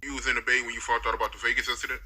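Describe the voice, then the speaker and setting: Sharp-toned man asking short questions. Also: medium pitch, little pitch movement, very fast. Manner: brief, direct questions. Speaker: interviewer. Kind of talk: casual interview questions.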